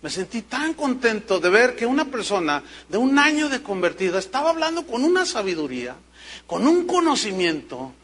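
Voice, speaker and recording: A pastor preaches a sermon. His voice sits high for a man, and he tells stories with energy, acting out the people in them. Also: moderate pace. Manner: animated storytelling, acts out quoted voices.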